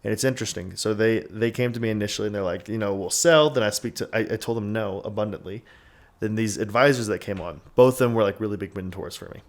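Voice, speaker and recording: A podcast host in his twenties talks candidly and rambles, filling his speech with "like" and swearing often. His voice is fairly low and his pace quick.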